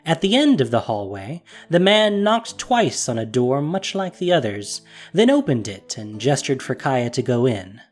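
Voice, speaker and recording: A narrator reads a scripted fantasy story for an audio drama, with a lively delivery that rises and falls expressively. The voice is mid-range at a moderate pace, and soft music plays underneath.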